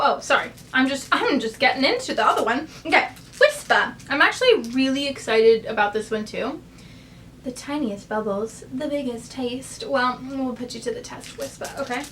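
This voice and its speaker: A woman's voice: high voice, bright, forceful tone, distant mic, a little hiss or hum. A young American woman vlogging casually from her bed, rambling chattily with lots of fillers. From United States. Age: young adult. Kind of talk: casual chat. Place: in bed, bedroom.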